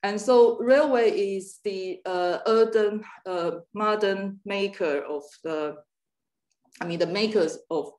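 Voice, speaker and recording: A woman from Taiwan giving a guest lecture on urban planning over a video call, pausing often with fillers and restarting her sentences. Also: medium pitch, a little mellow. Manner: hesitant, many fillers and restarts.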